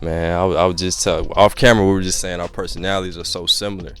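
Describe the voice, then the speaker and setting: A man's voice: deep voice, flat delivery, fast, smooth. A man hosting a podcast, asking questions in an easygoing, affirming way and often calling his guest "man". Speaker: podcast host. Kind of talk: casual podcast interview.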